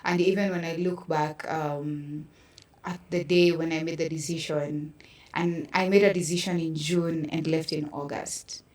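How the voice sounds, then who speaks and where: Speaking earnestly and reflectively, this Kenyan-accented artist gives personal testimony as a guest in a conversational podcast interview. Her low, somewhat mellow voice keeps fairly even intonation at a measured pace, and she is far from the mic in an echoey room.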